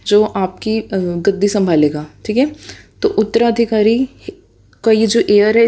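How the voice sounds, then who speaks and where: A woman's voice: mid-range voice, mellow. A woman teaching English grammar in a patient, explanatory way, repeating key points and checking in with her listeners often. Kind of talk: explanatory lesson.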